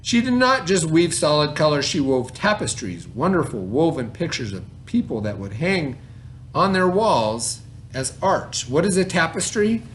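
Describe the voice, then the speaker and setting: A man acting as a schoolteacher leads an informal read-aloud lesson, explaining conversationally as though to a child and frequently checking that the listener is keeping up. His voice is slightly high, sing-song and a bit bright, his pace a little slow, with a slight hiss or hum in the recording.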